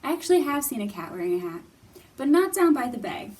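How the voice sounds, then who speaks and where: Captured on a distant mic with room noise in the background, a woman hosts a singalong storytime in a public library room. Her fairly high, darkish voice swings widely in pitch and moves fast as she playfully encourages young children and explains things simply.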